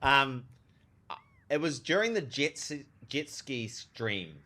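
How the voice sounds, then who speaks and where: A live streamer who is also a theologian chats casually with viewers over gameplay, talking to chat in an animated, slangy way. A retainer gives him a strong lisp, and his voice is medium-pitched and unhurried.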